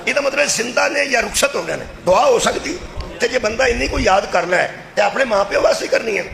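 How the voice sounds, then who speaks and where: A high-pitched, gravelly male preacher with a Punjabi accent delivers a fervent majlis sermon, now shouting, now dropping to confiding asides. His voice booms through an echoey loudspeaker setup with faint crowd ambience behind. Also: expressive. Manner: impassioned, shifting between shouting and low confiding asides; addresses the crowd directly with rhetorical questions. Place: religious gathering with loudspeaker. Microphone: loudspeaker microphone.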